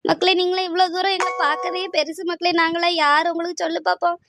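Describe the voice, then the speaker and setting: A woman's voice: very high-pitched, little pitch movement, fast talker, noisy background. A woman voicing a fearful, weary elderly wife who speaks plaintively. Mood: despairing.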